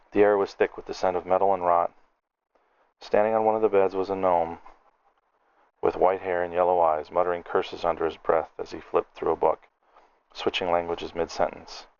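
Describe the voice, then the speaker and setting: A man's voice: low-pitched, creaky, a little mellow, lo-fi sound. A man narrating a fantasy audiobook in the first person, reading steadily and descriptively.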